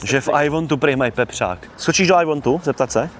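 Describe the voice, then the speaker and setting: A young man with a Czech accent streaming live in a shopping mall, joking around with fans in slangy, upbeat casual talk. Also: medium pitch. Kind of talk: casual IRL livestream chat with fans. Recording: crowd and noise of a busy mall.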